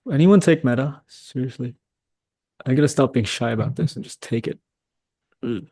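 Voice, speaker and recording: Middle-aged male trading mentor, live market commentary, excitable, chats with viewers, dry close sound. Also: medium pitch, normal speed, creaky, breathy edge, no room sound. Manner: excitable, talks to chat, swears when frustrated.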